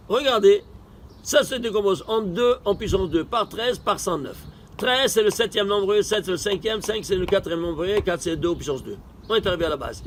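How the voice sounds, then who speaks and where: A man teaching a Torah study lesson, posing rhetorical questions and answering them himself, emphatic with sudden bursts and quiet asides. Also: high-pitched, slight background noise.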